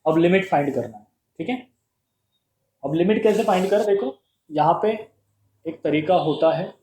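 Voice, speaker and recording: A man's voice: fairly high pitch, lively intonation, normal speed, dark tone, echoey room, slight background noise, low-quality recording. A man teaching a math lesson step by step, asking rhetorical questions and mixing Hindi with English terms. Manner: playful, calls terms "bhai sahab".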